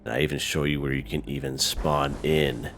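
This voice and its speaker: Very deep-voiced stuffy male gamer. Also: normal speed, a little hiss or hum. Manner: relaxed, chatty, with fillers. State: stuffy from a head cold. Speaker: gaming channel host. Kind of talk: casual gameplay commentary.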